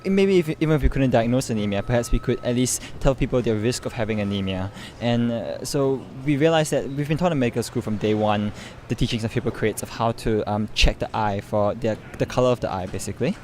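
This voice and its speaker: A young adult man from Singapore, a medical student and competition winner, answers interview questions informally as a guest, searching for words as he goes. His mid-range voice is a little mellow, with clear background noise and urban ambience.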